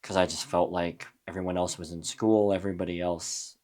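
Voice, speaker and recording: A young adult musician from New Mexico, USA, appears as a guest in a casual interview. His voice is low, level and dark, and he speaks reflectively and haltingly, restarting often.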